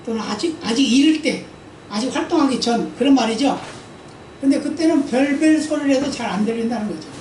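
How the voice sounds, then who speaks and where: A woman pastor gives an animated, conversational sermon at a slightly fast pace, her fairly high voice a little mellow. She keeps asking the congregation for amens and dramatizes the speech in her stories. The voice sounds far off in the roomy church hall, with slight background noise.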